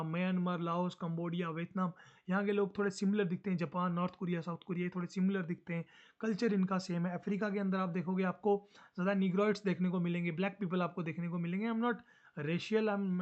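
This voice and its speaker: A man teaching a social studies lesson fast and casually, mixing Hindi with English terms. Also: sits high, a little mellow, muffled recording.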